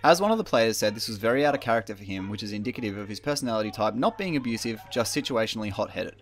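A man's voice: on the low side, animated, rapid-fire. A man narrating a scripted opinion commentary as the video's host.

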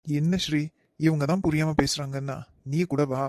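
A man's voice: on the high side, moderate pace, no echo, studio quality, natural voice. A man voicing an easygoing, teasing young man in a family cartoon, speaking with a Kanyakumari Tamil accent. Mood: calm, teasing. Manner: calm, brushes off worry. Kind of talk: cartoon voice acting.

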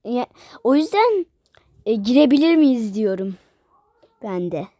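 A woman's voice: on the high side, very animated, measured pace, warm tone, no echo, clean studio sound. A woman voicing a tired, impatient businessman hotel guest in a playful toy role-play, repeating himself insistently. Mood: exasperated.

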